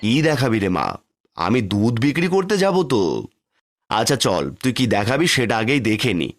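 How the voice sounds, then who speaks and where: A man's voice: mid-range voice, big pitch swings, moderate pace, close to an everyday voice. A man voicing a forgetful, good-natured village father in a cartoon. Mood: hurried.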